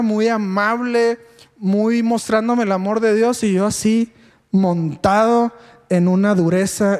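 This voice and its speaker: A man telling his testimony in a sermon, animated and asking the congregation questions. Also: high voice, big-room sound. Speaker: preacher giving his testimony.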